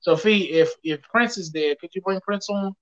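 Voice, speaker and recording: A man's voice: high voice, moderate pace, a bit bright, muffled recording. A man hosting a live talk show, chatting casually and energetically with his guest. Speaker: show host.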